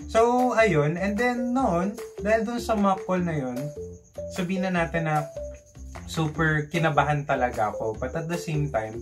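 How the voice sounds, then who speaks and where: A young man with a Filipino accent telling a story casually in a vlog, in an animated way, acting out bits of dialogue. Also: fairly high pitch, a little slow, over music. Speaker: vlogger recounting call center training. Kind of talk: casual storytelling vlog, mixing Tagalog and English.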